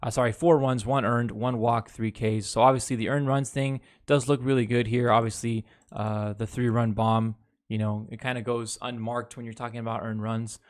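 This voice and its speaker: At normal speed and with little pitch movement in his medium voice, a baseball fan runs through a series recap loosely and casually. He's blunt, swears freely, and breaks down plays while talking over the game footage.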